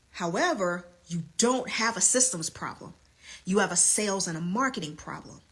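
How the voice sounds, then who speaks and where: A woman's voice: mid-range voice, fairly bright tone, breathy edge. A woman teaching a live online business lesson as a coach, emphatic and repeating her key points.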